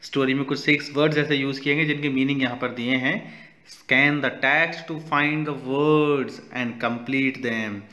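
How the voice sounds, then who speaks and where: A man's voice: medium pitch, fairly even intonation, bright, forceful tone. A male teacher with an Indian accent, walking students through a textbook exercise and repeating each word aloud. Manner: slow, repeats words aloud, switches between English and Hindi.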